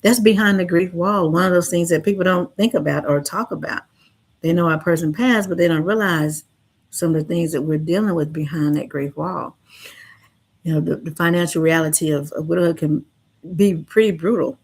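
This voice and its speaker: A woman speaking gently and earnestly in a heartfelt livestream talk, reassuring listeners like a counselor. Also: lowish voice, fairly even intonation, normal speed, breathy edge. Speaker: grief counselor and livestream host.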